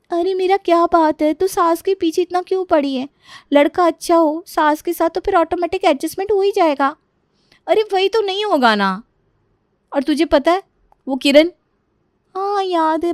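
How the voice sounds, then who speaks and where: A woman's voice: high-pitched, no room sound, clean studio sound, voice pushed up. A woman voicing a stubborn, chatty young woman in a cartoon story. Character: stubborn young woman, picky about in-laws.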